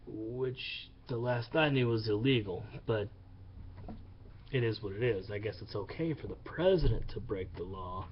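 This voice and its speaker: A man's voice: on the low side, normal speed, slight background noise. Man, cursing political rant vlog, heated and repetitive, muffled lo-fi sound. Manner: profane, heated, repeats himself. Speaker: vlogger.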